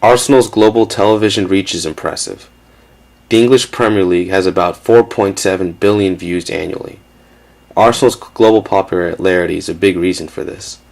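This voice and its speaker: Very deep gravelly guy reading doc narration, measured and factual. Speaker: documentary narrator. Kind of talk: scripted narration.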